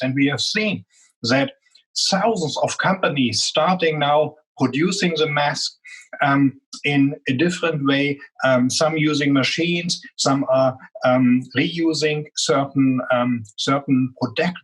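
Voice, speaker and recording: Poor audio captures a man with a fairly high-pitched, fairly bright, slightly rough voice and a strong German accent. Interviewed as a guest executive about business, he explains earnestly and fills his speech with frequent "um"s.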